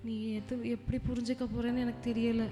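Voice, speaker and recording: A woman playing a young, careless husband in an amateur church skit, talking loudly and pleading. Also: on the high side, completely flat delivery, a little fast, slight background noise, lightly acted. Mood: despairing. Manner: loud, exclaiming, pleading. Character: young careless husband, boastful then panicked. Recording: echoey hall with background music.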